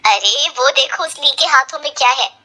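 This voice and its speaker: A woman's voice: high voice, normal speed. A woman doing a scolding, exasperated mother-in-law. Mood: shrieking. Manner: loud, scolding, dramatic. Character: harried middle-aged mother-in-law, easily exasperated.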